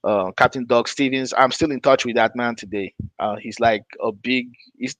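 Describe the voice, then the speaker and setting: A middle-aged Nigerian man hosts a podcast, telling his own story in a loose, rambling way, often correcting himself mid-sentence and laughing between points. His medium-pitched voice is fairly bright, with fairly even intonation and a moderate pace. The casual storytelling chat is recorded with no echo.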